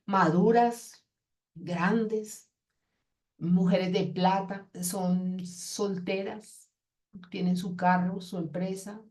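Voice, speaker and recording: Chatty woman teacher. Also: mid-range voice. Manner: chatty, lively, acts out example dialogues. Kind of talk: classroom lecture.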